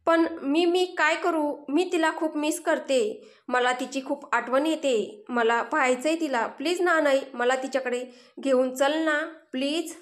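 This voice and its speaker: Woman doing a grieving young woman, high voice, tearful, pleading, stammering, audio storybook. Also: measured pace, a bit bright. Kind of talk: Marathi audio story dialogue.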